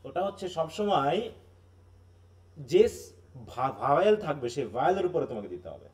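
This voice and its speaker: A man's voice: fairly high pitch, very animated, moderate pace, a little mellow, distant mic. A man from Bangladesh teaching a live online English literature class. He explains step by step, mixes in English terms and keeps asking if students follow. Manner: explanatory, often checks understanding with tag questions.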